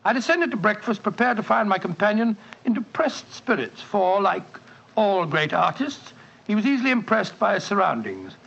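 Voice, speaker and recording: An actor playing a genial, fussy older English doctor who reminisces in a halting, avuncular way, in 1940s radio style. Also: male voice, high-pitched, very animated, vocal fry, a bit bright, husky, full character voice. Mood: reminiscing. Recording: dull 1940s radio recording.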